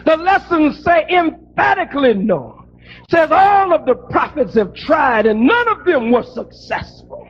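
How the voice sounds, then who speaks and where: A man delivering a fiery commentary in a shouting, preacher-like style. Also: very high voice, big pitch swings, a little slow, dull audio, a little hiss or hum.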